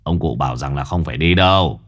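A man voicing a greedy, crafty old fake sorcerer who talks low and wheedling. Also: fast, a bit bright. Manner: low, gruff, sly and wheedling.

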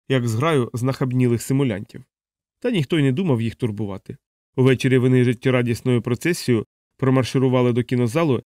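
A man reading a novel aloud in steady, even scripted audiobook narration. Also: medium pitch, no echo, clean studio sound.

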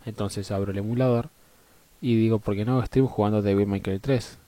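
Mellow low-voiced Argentine man streaming games. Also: steady tone, normal speed, no room sound. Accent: Argentine Spanish. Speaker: live streamer. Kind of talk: casual gaming stream chat, sweary.

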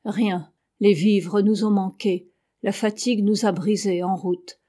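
A woman voicing a gentle, kindly old male ship's doctor in an audiobook, reading softly and sorrowfully. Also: mid-range voice, steady tone, unhurried, close to an everyday voice.

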